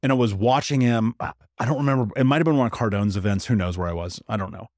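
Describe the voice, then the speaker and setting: A man talks candidly in casual podcast conversation, leaning hard on his points and tossing in slang like dude and bro. His voice sits at an ordinary middle pitch. The sound is dry and close, with no room echo. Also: quick pace, darkish tone.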